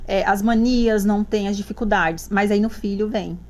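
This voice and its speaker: A woman's voice: medium pitch, steady tone, moderate pace. A woman, a mother guest on a podcast, telling her story in casual chat and acting out the dialogue she quotes.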